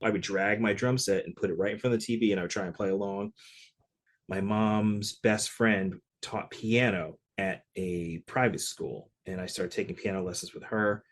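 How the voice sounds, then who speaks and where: A man from Connecticut, a session percussionist, telling stories in a relaxed interview with lots of "like" fillers. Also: on the low side, moderate pace. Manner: relaxed, chatty, frequent "like" fillers. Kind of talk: casual interview storytelling.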